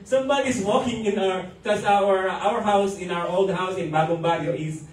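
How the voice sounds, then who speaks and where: A man's voice: high-pitched, normal speed, faint music behind. A man with a Filipino accent preaching a testimony sermon, mixing Filipino and English and chuckling often. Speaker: pastor. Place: church hall. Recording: echoey hall from far off.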